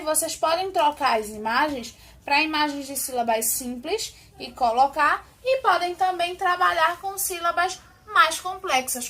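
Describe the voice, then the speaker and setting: A woman teacher explaining a classroom word activity step by step, slowly and patiently. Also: sits high, a bit bright.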